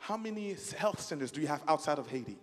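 A man interpreting a sermon live, in a quick plain delivery with small restarts. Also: on the high side, expressive. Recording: long hall reverb.

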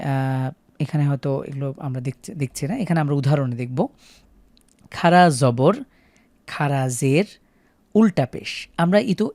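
A man's voice: a little high, darkish tone, dry recording. A man with a Bangladeshi Bengali accent teaching a Quran recitation class, patiently repeating questions and drilling syllables.

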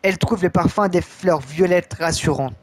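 A man's voice: high-pitched, normal speed, lightly acted. A man voicing a polite, persuasive female witch in a game story, reading with stumbles. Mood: pleading. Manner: clumsy read-aloud, stumbling over words.

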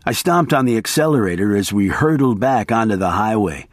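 A man reading first-person narration for an audiobook in a lively storytelling manner. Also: fairly low pitch, fairly quick, no room sound, studio quality.

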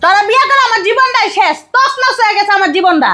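Actress as nagging middle-aged wife, Bangladeshi Bengali accent, sharp voice, very high. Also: female voice, animated, fast, heavily acted. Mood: scolding. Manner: scolding, shrill, insulting.

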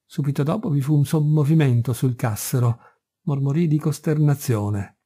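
A man reading a literary novel aloud as an audiobook, in a measured, dramatic storytelling manner. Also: on the high side, warm tone, husky. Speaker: audiobook reader.

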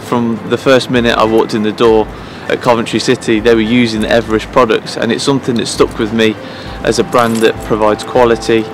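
A head groundsman in his thirties gives a promotional interview to camera, standing outdoors at the edge of the pitch in an empty stadium. He speaks earnestly but pauses a lot, filling gaps and restarting his sentences.

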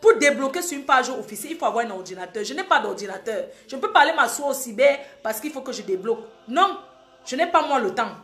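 Speaking quickly in a high, expressive, fairly bright voice, a young Cameroonian live-stream host scolds her viewers and hammers home the same warnings again and again. The heated social media monologue sounds reverberant.

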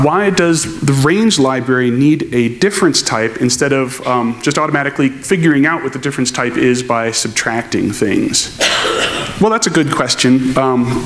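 A man's voice: mid-range voice, a bit bright. A man giving a technical conference keynote on stage, answering audience questions in a thoughtful, explaining manner. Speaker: conference speaker. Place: large lecture hall, on stage. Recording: echoey lecture hall with faint noise.

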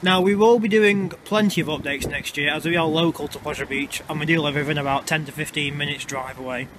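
Holding his camera mic as he goes, a man gives a walking tour outdoors through city streets and an underpass, chatty and a little hesitant as he explains, in a steady, slightly high voice. Traffic and street sound fill the background loudly.

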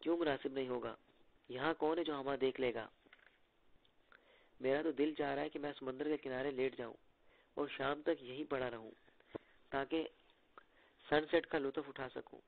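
A wisecracking young spy, as a male storybook reader voices him with a gravelly, fry-tinged voice. He teases everyone in an easy, playful way. The sound is thin and tinny, like a phone line. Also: medium pitch, fairly even intonation, normal speed, long pauses, lightly acted. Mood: joking. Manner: playful, bantering. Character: joking, teasing young male secret agent.

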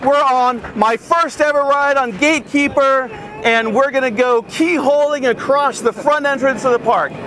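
High-pitched excited man on a roller coaster. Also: normal speed, a faint crowd, poor audio. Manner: shouting and whooping while riding a roller coaster. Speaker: theme park video host. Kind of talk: excited first-person ride commentary. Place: outdoors on a moving roller coaster. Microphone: ride-mounted camera facing front seat. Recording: windy roller coaster noise, screaming riders.

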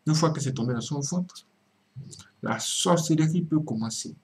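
A man preaching in a video commentary, swinging from emphatic cries down to low murmured asides and repeating words for emphasis. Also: normal speed. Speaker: religious commentator.

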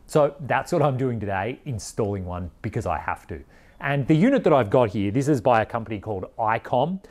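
Lively and brisk, with a medium-pitched, darkish voice, the Australian vlogger explains things in a frank, plain-spoken way. He's an overland traveller in his forties, filmed in a workshop garage and sitting in a vehicle.

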